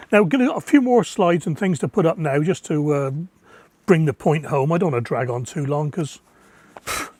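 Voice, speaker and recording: A man's voice: a little high, no echo, clean studio sound. An older man, talking casually and indignantly to camera as a gardening vlogger, hammering home key words. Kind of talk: casual vlog commentary.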